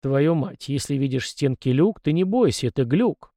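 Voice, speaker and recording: A man voicing a brash young soldier hero in an audiobook, speaking in a lively, wry way. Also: on the high side, normal speed, dry recording, clean studio sound, lightly acted. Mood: surprised.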